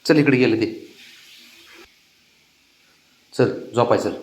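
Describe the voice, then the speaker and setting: A man's voice: mid-range voice, slow pace, darkish tone. A man talking to his pet cat at home, coaxing it in a sing-song, pet-talk way. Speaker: pet owner.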